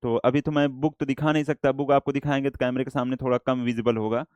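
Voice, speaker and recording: A man with an Indian accent teaching a shorthand class, explaining slowly and repeating himself, mixing English words into Hindi. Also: mid-range voice, flat delivery, darkish tone, dry recording, highs cut off. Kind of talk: classroom lecture.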